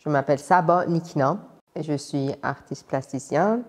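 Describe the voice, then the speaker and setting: A woman's voice: sits low, moderate pace, a little mellow. A woman in her thirties from Iran, speaking as an artist being interviewed, hesitant and searching for words. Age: 30s. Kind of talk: casual interview. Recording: reverberant hall.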